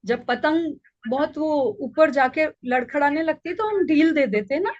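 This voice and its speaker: A woman parenting coach giving an online class, mixing Hindi and English in a gentle, advising tone. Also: sits high, lively intonation, normal speed, lo-fi sound.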